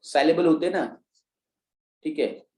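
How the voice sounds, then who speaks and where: A male teacher covers terms in an exam-prep class, explaining each step and checking in with his students. His mellow, dark voice is a little high, with fairly even intonation and a measured pace. A bare room's echo surrounds the sound.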